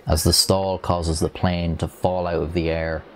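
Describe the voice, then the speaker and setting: A young man giving a measured, grave scripted narration of an air disaster, speaking into a lapel mic in a dark studio. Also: low voice, little pitch movement, a little hiss or hum. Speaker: documentary narrator.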